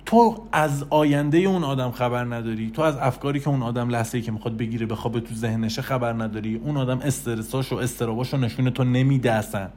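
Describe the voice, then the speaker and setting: A man giving an animated motivational talk, speaking straight to the listener and repeating phrases for emphasis. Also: mid-range voice, hardly any pauses, a little hiss or hum. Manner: animated, repetitive, addresses listener directly. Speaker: self-help speaker.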